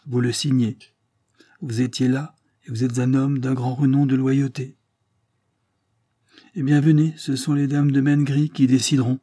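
A man's voice: medium pitch, flat delivery, normal speed, warm tone, dry recording, pitched above the performer's own voice, natural voice. A man voicing a grieving, proud older noblewoman in a French novel read aloud, speaking with solemn dignity. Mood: insistent.

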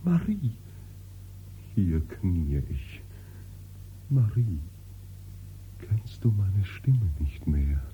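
A man's voice: deep voice, big pitch swings, extremely slow, pauses often, a little hiss or hum, exaggerated voice. A whispering, pleading young nobleman. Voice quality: pleading, often sinking to a whisper. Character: young nobleman pleading for his beloved's forgiveness. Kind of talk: classic radio drama acting. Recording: muffled old radio recording.

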